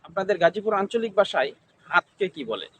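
Interviewer, man, high voice, repetitive formal questions. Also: sing-song, fairly quick, slight background noise.

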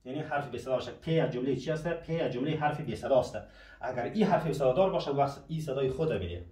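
In an echoey classroom captured by a distant mic, a man teaching French patiently quizzes himself and replies. His mid-range voice is animated with a darkish tone.

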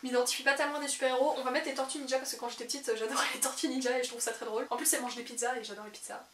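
A woman's voice: high-pitched, steady tone, racing, a bit bright. A young adult woman who runs a book channel, chatting casually and laughing often as she works through online quizzes. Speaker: book vlogger. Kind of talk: casual chat while taking online quizzes. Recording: echoey room with faint hiss.

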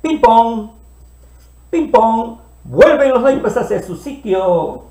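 A man teaching children to read, playfully sounding out syllables slowly and repeating them. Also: very high voice, big pitch swings, dark tone, echoey room. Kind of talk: early reading lesson for children.

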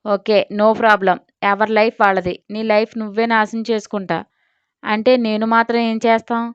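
A woman narrator puts on a vain, blustering father who grumbles about his household and scolds everyone around him. The voice stays smooth and fairly high, with a dull lo-fi sound. He is a figure in an audio story. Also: flat delivery, moderate pace, a bit bright, dry recording. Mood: gruff. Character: blustering middle-aged rich father, vain.

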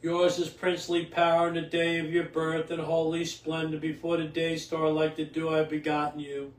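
An older priest's fairly high voice reads scripture and then preaches in a small home chapel. He sits back from the camera, so the sound carries a roomy echo. His readings are steady and measured, and his homily is looser, with repeated words and restarts. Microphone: camera a few feet away. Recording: roomy echo, distant from the mic.

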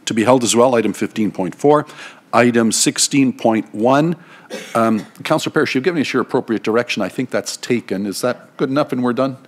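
A middle-aged man chairing a council meeting at a desk microphone, running through agenda items in a brisk, procedural way. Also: mid-range voice. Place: council chamber.

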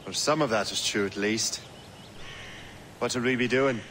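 A man's voice: medium pitch, moderate pace, a bit bright, a little hiss or hum, natural voice. An actor playing a wry young male assassin recruit who jokes with his teachers. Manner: wry, joking.

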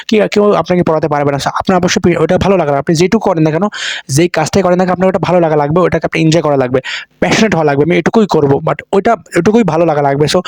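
A young man with a Bangladeshi accent giving advice on learning English in a casual talk to camera, talking in quick repetitive runs and mixing in English words. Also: on the high side, dry recording.

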